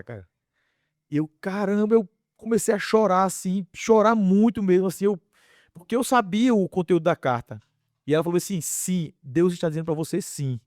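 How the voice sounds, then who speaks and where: A man giving a casual faith testimony on a podcast, telling his story with lively acted-out dialogue. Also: fairly high pitch, no room sound, clean studio sound. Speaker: podcast guest.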